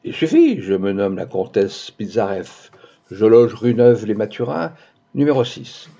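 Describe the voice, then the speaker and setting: A man's voice: on the low side, sing-song, a little slow, creaky, mellow, full character voice. A man voicing a bold, commanding young blond countess in an audiobook, urgent and imperious in manner. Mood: haughty. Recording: dull lo-fi recording.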